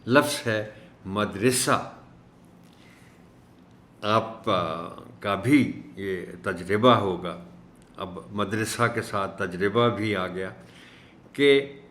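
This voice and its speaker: A man teaching an Urdu lesson for teachers, speaking in a measured way and slowing down to stress each word he corrects. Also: deep voice, fairly bright tone. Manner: measured, stresses words slowly when correcting pronunciation. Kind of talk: instructional video lesson. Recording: echoey room.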